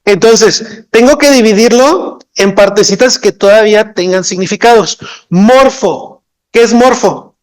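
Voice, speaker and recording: A man's voice: high-pitched, unhurried. A man, an interpreter teaching a live training session, explaining patiently and often putting questions to his listeners. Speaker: sign language interpreter and instructor.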